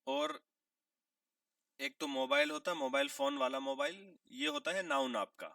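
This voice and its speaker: A man giving a classroom vocabulary lesson in a bright, edgy, gravelly voice that swings widely up and down. He poses questions and answers them himself, repeating each key word, and clears his throat now and then. The voice is picked up from a distance. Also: very high voice, wildly swooping pitch, no echo, studio quality. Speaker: English teacher.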